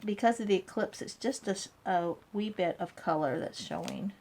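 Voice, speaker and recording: A woman's voice: mid-range voice, normal speed, darkish tone, slight background noise. A woman demonstrating card making step by step, talking casually with small fillers as she works. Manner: step-by-step instructing while working, casual with fillers. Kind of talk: hands-on craft tutorial.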